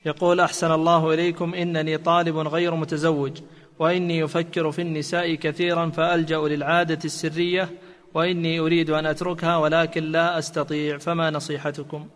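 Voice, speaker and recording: A man reading submitted questions aloud in a steady, formal way. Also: fairly high pitch, fast, in a large hall.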